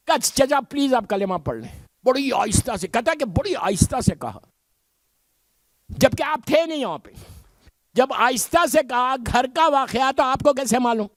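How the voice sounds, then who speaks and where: High-voiced emphatic middle-aged preacher man. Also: lively intonation, long pauses, fairly bright tone, no room sound, clean studio sound. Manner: emphatic preaching with rhetorical questions. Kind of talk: majlis sermon.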